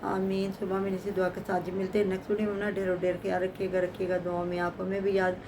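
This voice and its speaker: A woman's voice: mid-range voice, completely flat delivery, quick pace, background noise. A middle-aged woman, chatting casually as a vlogger and giving prayers and blessings. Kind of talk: casual commentary chat.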